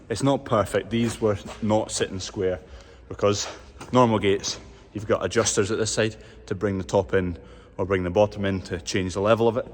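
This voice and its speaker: A Scottish man, a farmer, talking casually through his work on the farm, practical and self-deprecating as he explains. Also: lowish voice. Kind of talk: casual farm vlog narration. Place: outdoors on a farm. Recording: noisy outdoor farm recording.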